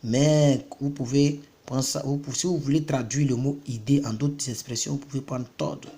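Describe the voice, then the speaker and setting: This man from Côte d'Ivoire, a self-taught English vocabulary tutor, teaches casually by repeating each word a few times and then explaining it. His mellow, medium-pitched voice keeps fairly even intonation at a moderate pace.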